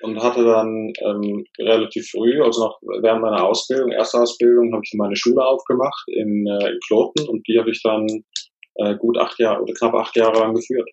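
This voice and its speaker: A man in his thirties from Germany, living in Switzerland since age twelve, speaks as an interview guest, reflective and relaxed with some fillers. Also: fairly low pitch, normal speed, lo-fi sound. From Germany, then Switzerland from age twelve. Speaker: coach and author.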